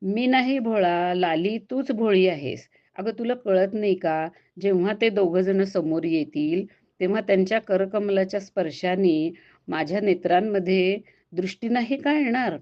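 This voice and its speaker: A woman's voice: medium pitch, measured pace, highs cut off, natural voice. A woman voicing an old blind male ascetic who grumbles and complains in a pleading, tearful way.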